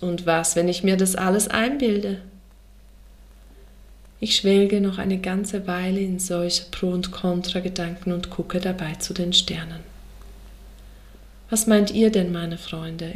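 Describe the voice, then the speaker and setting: A woman reading her own book aloud in the first person on a podcast, soft and intimate, often dropping to a half whisper. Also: lowish voice.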